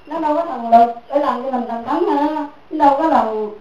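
A woman's voice: high-pitched, a little fast, a little mellow, a little hiss or hum. Woman, Buddhist teacher, dharma talk, repetitive questions, echoey hall, distant mic. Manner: repetitive, keeps asking listeners "right?". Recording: echoey room, mic far off.

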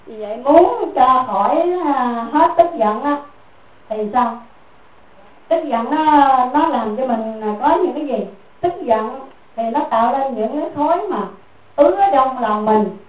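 High-voiced woman giving a dharma talk. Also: animated, a little slow. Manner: repetitive, keeps asking listeners "right?". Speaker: Buddhist teacher. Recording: echoey room, mic far off.

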